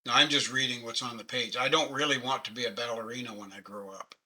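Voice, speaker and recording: An older Canadian man in his 60s teaches casually online as a webinar presenter, speaking from his home office over a webcam video call. His voice is bright and medium-pitched with a steady tone, and he talks fast. He comes across as patient, conversational and self-deprecating.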